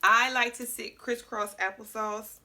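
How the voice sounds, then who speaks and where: A woman's voice: on the high side, fairly even intonation, measured pace, pushed and bright. Congested woman teaching breathing exercises. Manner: talks straight to viewers, checks in with frequent "okay?". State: congested, slightly clogged. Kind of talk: casual guided breathing lesson.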